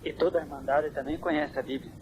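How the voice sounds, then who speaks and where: Priest interviewer on worn tape. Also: male voice, fairly high pitch, quick pace. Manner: calm, questioning. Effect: old worn cassette tape. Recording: hissy worn cassette tape.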